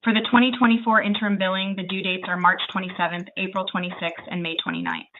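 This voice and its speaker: A woman's synthetic assistant voice comes through a phone call, tinny and slightly noisy. She talks fast at a medium pitch with a steady tone, offering courteous, formal, scripted customer service answers and never hesitating.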